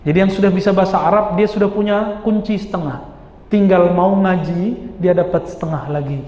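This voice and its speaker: Man giving a sermon in a mosque, slightly high voice, long hall echo, muffled recording. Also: moderate pace. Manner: lively, asks the audience rhetorical questions. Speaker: preacher. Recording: echoey hall, dull sound.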